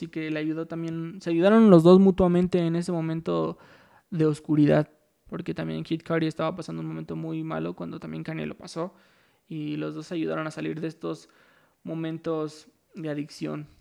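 A man talks through a casual solo podcast episode, wandering through his points with plenty of fillers. His fairly high voice has a gravelly, fry-laden edge, yet it stays smooth and resonant. He keeps a flat, even pitch throughout. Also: brisk. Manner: rambling, loose, with many fillers and restarts. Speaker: podcast host.

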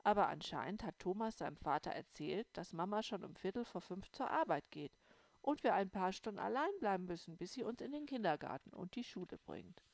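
A woman's voice: medium pitch, animated, fairly quick, vocal fry, a little mellow, dry recording. Woman voicing a worried, clever young girl. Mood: earnest. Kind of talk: audiobook reading.

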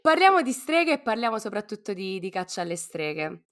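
A woman with a hoarse, cough-worn voice co-hosts a podcast, talking informally and playfully with plenty of slang. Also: medium pitch, big pitch swings, normal speed, a bit bright. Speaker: podcast co-host. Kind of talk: casual podcast talk.

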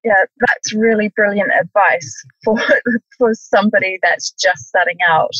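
A woman's voice: medium pitch, steady tone, a little slow, fairly bright tone, no echo, dull audio. A woman hosting an interview, asking questions in a friendly, affirming way. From outside the United States. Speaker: interview host. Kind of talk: conversational interview.

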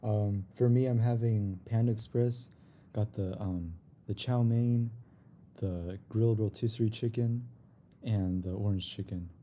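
Young guy hosting a chill podcast, low voice, loose and chatty. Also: steady tone, unhurried, dark tone, slight background noise. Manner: laid-back, rambling, says "you know" often. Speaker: podcast host. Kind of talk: casual podcast chat.

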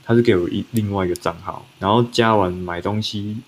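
A man's voice: on the low side, fairly even intonation, a little fast, slight background noise. A man, telling his own story on a podcast in a rambling way, often restarting his sentences and acting out what others said. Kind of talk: casual first-person storytelling.

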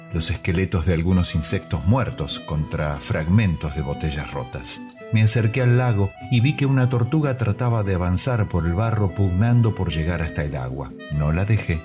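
A man reading a short literary story aloud in a calm, measured way. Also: deep voice. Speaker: reader. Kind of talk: literary reading over music. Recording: reading over guitar music.

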